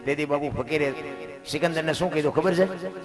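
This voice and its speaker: A middle-aged man with a Kathiawadi Gujarati accent, giving an earthy, animated folk moral talk that swings between loud exclamations and low asides. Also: a little fast, music in the background. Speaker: folk speaker.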